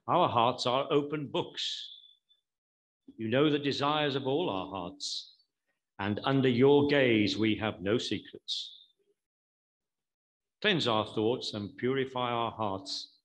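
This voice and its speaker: A man leading a communion service, speaking in a measured, solemn and reverent way into a pulpit microphone. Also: medium pitch, a bit bright, poor audio. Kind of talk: liturgical prayer and service instructions.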